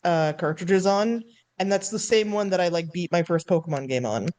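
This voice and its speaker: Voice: mid-range voice, normal speed, darkish tone. A person chatting casually and eagerly on a stream about favorite games, rambling with lots of "like". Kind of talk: casual gaming chat.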